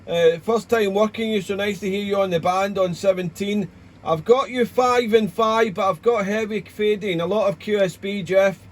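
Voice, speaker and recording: A man's voice: high-pitched, steady tone, moderate pace. A man speaking as an amateur radio operator in a chatty, rambling, courteous way, with call signs and radio procedure words. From Wales, United Kingdom. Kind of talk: casual ham radio contact with call signs.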